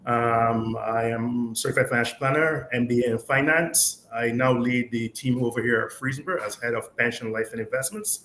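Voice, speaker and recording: A man in his fifties from Barbados, a pension expert, calmly explaining money matters on a talk show with many fillers. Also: mid-range voice, normal speed, few pauses. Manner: calm, explanatory, with frequent fillers. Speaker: pension and investments guest expert. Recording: echoey room with faint noise.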